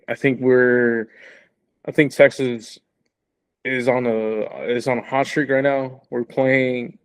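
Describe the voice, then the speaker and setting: As a podcast co-host, a medium-pitched man chats casually about college football. He stumbles over restarts and repeated words and often breaks into laughter.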